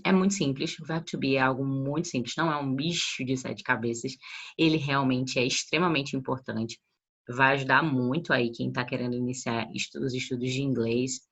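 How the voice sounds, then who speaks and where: A woman's voice: a bass voice, fairly bright tone, slightly rough. A woman teacher with a Brazilian Portuguese accent explaining an English grammar lesson in a casual way, often checking that her students follow. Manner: checks understanding with frequent tag questions.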